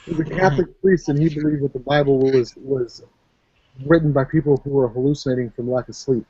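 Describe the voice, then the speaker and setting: A man's voice: medium pitch, brisk, mellow, breathy edge. A man from Minnesota in casual chat, talking brashly and profanely, rambling about big ideas. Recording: dull, lo-fi voice chat.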